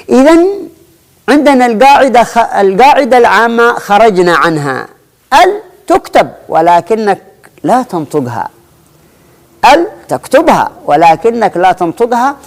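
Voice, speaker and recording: A woman teaching an Arabic spelling lesson, often restarting and repeating phrases and slowing down to spell out example words. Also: on the high side, a little mellow. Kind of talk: explanatory lesson.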